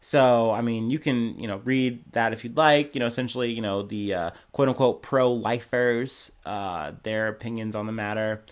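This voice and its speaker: Speaking at a normal speed with almost no pauses, this young man has a smooth, mid-range voice. On his solo news podcast he reads out quotes, then offers casual, profanity-laced riffs on them.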